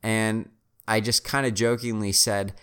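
Young man, low voice, resonant tone, casual rambling chat, self-mocking. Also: little pitch movement, unhurried, fairly bright tone, smooth. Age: 20s. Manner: rambling, restarts and self-corrections; wry, self-mocking humor. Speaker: reseller vlogger. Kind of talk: casual storytelling monologue.

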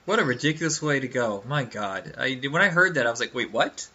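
Man, bright sharp tone, wry film chat, muffled lo-fi audio. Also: mid-range voice, expressive, fast talker. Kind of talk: casual chat about films.

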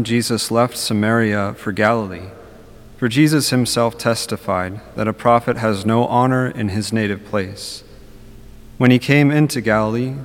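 A young man speaks at a Mass in a big church, his voice at a middling pitch. Each plain, earnest phrase rings out in a long cathedral echo that hangs in the hall behind him. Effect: cathedral echo, long church reverb. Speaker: preacher at a Mass. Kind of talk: gospel reading and homily. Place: large church. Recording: long reverb of a large church.

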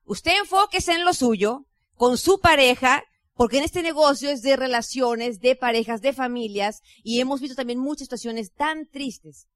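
A woman's voice: on the high side, no echo, clean studio sound. A woman with a Mexican accent gives a chatty motivational business talk as a network marketing leader, speaking straight to her audience. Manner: chatty, lively, addresses the audience directly.

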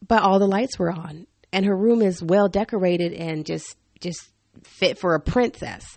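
A woman hosting her own podcast, telling candid and humorous stories about raising a toddler, animated and quick to laugh. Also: on the low side, no echo. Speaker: podcast host. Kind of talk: personal storytelling monologue.

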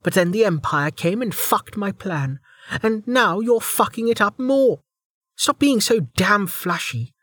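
A man voicing a furious, cornered female rogue warrior who snaps and hisses her words through her teeth, speaking well above his own pitch. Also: bright, forceful tone, husky, no echo, exaggerated voice.

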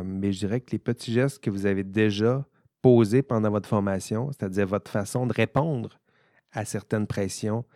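A man's voice: on the low side, darkish tone, no echo, studio quality. A man, an ethics professor giving an informal recorded lecture, thinking aloud and speaking directly to his students.

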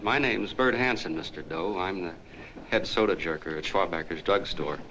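A chatty small-town soda jerk who rambles on in a folksy way, his voice sitting very low. It sounds like an old 1940s film soundtrack with a faint hiss under it. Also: normal speed, a bit bright, low-quality recording. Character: earnest small-town soda jerk, middle-aged man. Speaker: soda fountain clerk telling a story.

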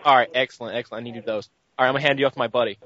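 A man's voice: mid-range voice, steady tone, very fast, a bit bright. A man talking casually as a caller on the phone, with muffled, slightly noisy audio. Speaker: prank caller.

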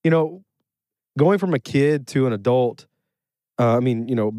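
A man's voice: medium pitch, normal speed, warm tone, no room sound. A man hosting a casual podcast chat, steering topics and asking the others questions. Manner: leads topics, asks questions. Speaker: podcast host.

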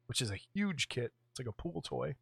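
A man's voice: medium pitch, very animated, normal speed, vocal fry, slightly rough, dry recording. A middle-aged man co-hosting a casual show-and-tell about model kits, rambling and chuckling as he goes. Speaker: co-host of a model kit show.

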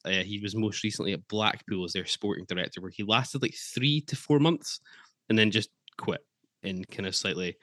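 A man hosting a casual football podcast, chatty and quick to swear, laughing between points. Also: lowish voice, fairly bright tone, dry recording. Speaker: podcast host.

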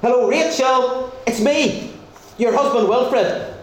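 A meek little husband, played by a man, high-pitched and lovesick. He speaks politely and pleadingly in a stage farce, in a very reverberant space. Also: takes it slowly. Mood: timid, pleading. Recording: very echoey stage, faint noise.

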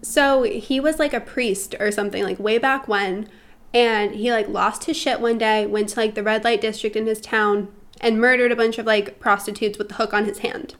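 A woman's voice: a little high, fairly even intonation, moderate pace. A woman who is a podcast guest, telling stories in casual chat and swearing now and then. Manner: chatty storytelling, swearing.

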